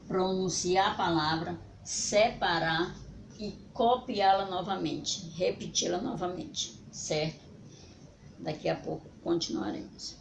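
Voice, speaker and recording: A primary school teacher with a fairly low voice slowly spells words out for young children, drawing each one out syllable by syllable and often checking in with "certo?" and "né?". The room is echoey, with background noise.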